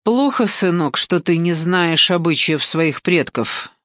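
A woman's voice: on the low side, expressive, dry recording, clean studio sound. A woman voicing a sly, patronizing older man. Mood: coaxing, sly. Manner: slow, coaxing, patronizing, keeps saying "son".

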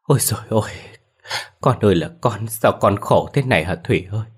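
A man's voice: lively intonation, fairly quick, slightly rough. A man voicing a grieving old village mother who wails and curses over her daughter's grave. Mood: wailing grief. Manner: wailing, shrill cries.

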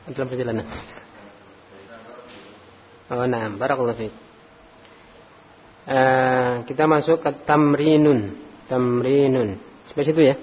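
A man's voice: medium pitch, fairly even intonation, takes it slowly, long pauses, breathy edge. Male Arabic teacher, patient classroom manner, calls on students one by one, long hall reverb, dull lo-fi recording. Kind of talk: classroom Arabic grammar lesson.

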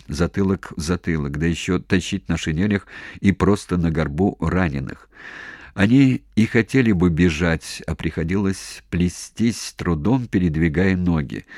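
A man narrating a war novel in a measured, even storytelling manner. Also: low voice, dry recording, clean studio sound. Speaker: audiobook narrator.

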